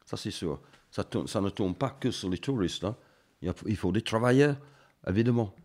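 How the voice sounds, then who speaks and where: Halting deep-voiced Englishman speaking French. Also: a little mellow. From England. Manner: halting, many fillers and restarts. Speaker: interview guest. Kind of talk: radio interview.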